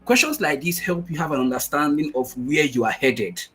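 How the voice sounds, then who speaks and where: A man giving an energetic motivational webinar talk over a video call, repeating phrases for emphasis. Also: a little high, normal speed, breathy edge. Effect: heard over a video call. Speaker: guest speaker. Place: at home in Nigeria on a shaky connection.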